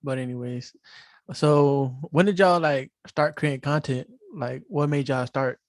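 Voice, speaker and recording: A man's voice: mid-range voice, fairly even intonation, unhurried, no room sound. A man hosting a casual group podcast interview, talking in a slangy, laid-back way and laughing easily. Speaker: podcast host.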